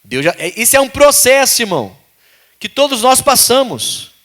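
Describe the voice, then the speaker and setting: Animated high-voiced pastor. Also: male voice, moderate pace. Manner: animated preaching with call-outs to the congregation. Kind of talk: sermon.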